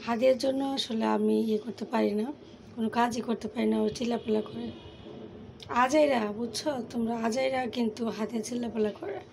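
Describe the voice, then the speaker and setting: A woman's voice: on the high side, fairly even intonation, a little fast, gravelly, background noise. A young Bangladeshi woman with a Bangladeshi Bengali accent, chatting casually in a home cooking vlog and coaxing and teasing a small child. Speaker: home vlogger and mother. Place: at home, partly outdoors on a windy day.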